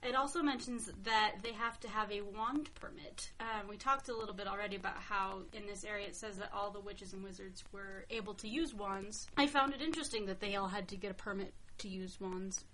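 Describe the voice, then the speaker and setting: A woman's voice: medium pitch, a little fast, hardly any pauses, noisy background. A woman co-hosting a casual podcast discussion, enthusiastic and giggly.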